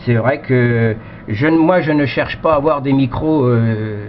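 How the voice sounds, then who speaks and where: This unscripted radio chat comes from a French amateur operator with a mid-range voice who speaks a little slowly. He rambles casually, leaning on verbal tags, and his cheap headset microphone and the noisy transmission make everything sound dull.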